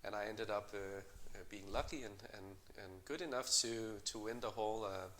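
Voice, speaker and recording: A middle-aged man, a company co-founder, answering interview questions in a measured way with many fillers and restarts. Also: on the low side, fairly even intonation, fairly bright tone, slight background noise. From Denmark.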